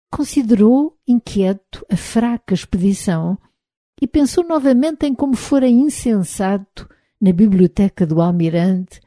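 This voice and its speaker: Mellow European Portuguese woman narrating. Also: medium pitch, dry recording, clean studio sound. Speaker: audiobook narrator. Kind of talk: scripted narration.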